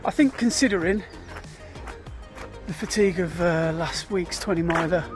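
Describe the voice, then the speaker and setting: A British man vlogs while running, tired and a bit dizzy mid-run, narrating candidly with self-deprecating humor. His voice sits high at a moderate pace, with soft music in the background.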